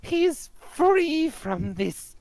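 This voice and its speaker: A game master voicing a sly old woman merchant, drawn out and slow. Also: high-pitched, sing-song, vocal fry, darkish tone, dry recording, voice pushed up, exaggerated voice.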